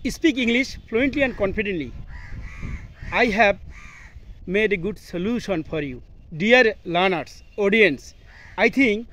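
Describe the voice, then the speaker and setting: Talking to camera at an open, scenic outdoor spot, a Bangladeshi English teacher and video host, a native Bengali speaker, gives an instructional vlog in halting, simple learner's English made of short broken phrases. His voice is high-pitched and the recording is low quality, with outdoor noise and faint birds calling.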